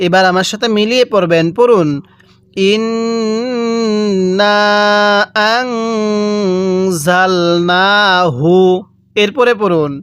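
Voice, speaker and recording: A man teaching Quran reading, spelling out letters and vowel marks and drawing out syllables slowly for listeners to repeat after him. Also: high-pitched, fairly bright tone, no echo. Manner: draws out recited syllables very slowly. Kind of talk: step-by-step recitation lesson.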